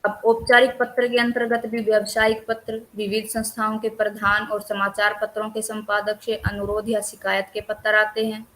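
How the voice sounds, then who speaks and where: A woman teacher running an online class, going through a list of chapter topics at a steady, even pace. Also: medium pitch, rough recording. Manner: lists topics steadily with few pauses. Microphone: computer mic on a video call.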